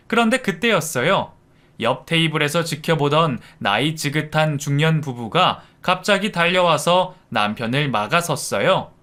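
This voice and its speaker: A man's voice: on the high side, a bit bright. A man narrating a first-person family drama story in an emotional, confessional way.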